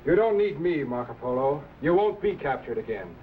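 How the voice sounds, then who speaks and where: A knowing sci-fi captain from an old serial. He is measured and authoritative, with a fairly high, animated delivery on a muffled soundtrack. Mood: urgent, assured. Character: confident, knowing male time-travelling captain and mentor. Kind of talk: 1950s sci-fi serial acting. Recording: muffled, faintly noisy vintage soundtrack.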